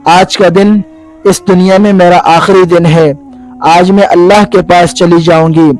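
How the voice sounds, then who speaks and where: A man's voice: high voice, fairly even intonation, a little mellow, lightly acted. A man voicing a grieving, dying young mother who speaks tenderly through tears. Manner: tearful, tender pleading.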